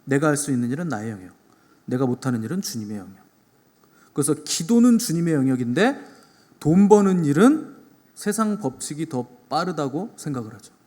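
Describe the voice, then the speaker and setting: Lively-pitched man preaching in a reverberant hall. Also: brisk. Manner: dramatic swings between loud emphatic peaks and soft low asides; asks the congregation rhetorical questions. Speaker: pastor. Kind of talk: sermon. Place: church sanctuary.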